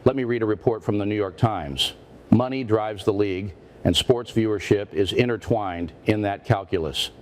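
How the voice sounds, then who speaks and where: A man's voice: lowish voice, moderate pace, darkish tone, lightly acted. A man playing a parody news anchor, a stiff, formal, indignant interviewer who presses and repeats himself. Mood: indignant, pressing. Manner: stiff, formal, repetitive, confrontational.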